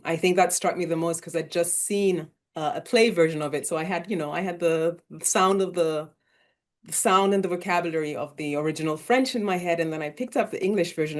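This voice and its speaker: A woman who grew up in Kenya, speaking as a literary translator on an online panel, thoughtful and hesitant with many fillers and restarts. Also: on the low side. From Sierra Leone and Uganda, raised in Kenya. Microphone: video call.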